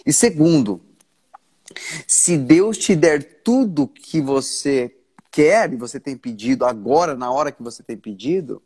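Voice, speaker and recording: Husky-voiced Brazilian pastor, earnest. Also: male voice, mid-range voice, animated, a little mellow. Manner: earnest, restarts often, slows for emphasis. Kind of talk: casual devotional chat.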